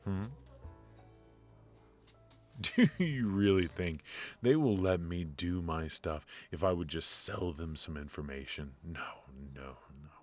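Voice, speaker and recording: A man in a noir ASMR roleplay plays a brooding mafia defector, ruthless but remorseful, in an extremely low, unhurried voice. He confides in halting, hesitant, intimate phrases, measured in mood, while faint music plays behind him.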